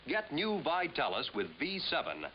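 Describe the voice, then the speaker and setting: Old 1950s tv ad guy, persuasive pitchman, muffled lo-fi sound, faint hiss. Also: huge pitch swings, moderate pace. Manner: polished, persuasive pitchman delivery. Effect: 1950s TV broadcast sound. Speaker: commercial announcer. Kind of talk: scripted hair tonic commercial. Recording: dull lo-fi old TV audio.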